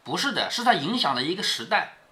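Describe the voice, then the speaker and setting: A man's voice: sits high, sing-song, fast, bright, forceful tone. A man reading a classic novel aloud to his daughter, stopping to explain it in a chatty way and often checking that she follows. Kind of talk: read-aloud storytelling with explanations.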